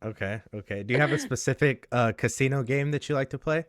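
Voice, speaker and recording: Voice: mid-range voice, fast talker, no room sound. Interviewer with a close, dry sound. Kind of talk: casual interview questions.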